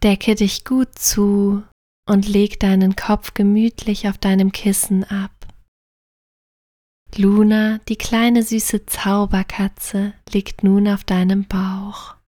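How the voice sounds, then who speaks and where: In a clean studio recording free of room sound, a woman tells a bedtime sleep story and leads a guided relaxation. She speaks softly and soothingly at medium pitch, partly near a whisper.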